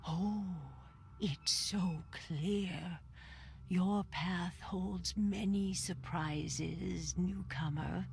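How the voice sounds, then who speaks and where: An actress playing a mysterious fortune teller in a game, speaking cryptically and deliberately in a creaky, partly breathy voice. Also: female voice, lowish voice, steady tone, darkish tone, slight background noise, heavily acted. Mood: mysterious, beckoning. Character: mysterious fortune-teller woman, knowing and bargaining.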